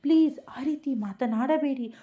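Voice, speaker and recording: A frightened young single mother speaks in a trembling, tearful voice, as a woman reads her part. The voice is warm and soft-edged, and the recording sounds muffled and lo-fi. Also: high voice, moderate pace, voice pushed up, close to an everyday voice. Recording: dull lo-fi recording.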